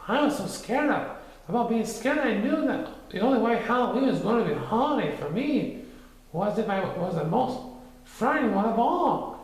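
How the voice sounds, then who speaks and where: Small, sweet, timid storybook piglet played by a male reader, high thin voice, very echoey recording. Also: expressive, normal speed. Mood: earnest. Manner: timid, earnest. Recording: very echoey, reverberant room.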